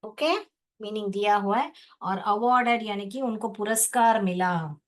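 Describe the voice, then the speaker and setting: A woman teacher, explaining a lesson slowly in Hindi, spelling words out syllable by syllable and asking the class questions that she answers herself. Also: medium pitch.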